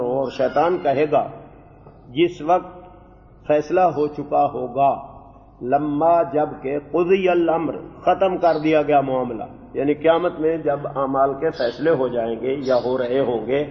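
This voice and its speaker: A man's voice: medium pitch, creaky. Man teaching Quran grammar in a reverberant hall. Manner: recites Arabic verses slowly, then explains in quick Urdu. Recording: dull recording with long hall reverb.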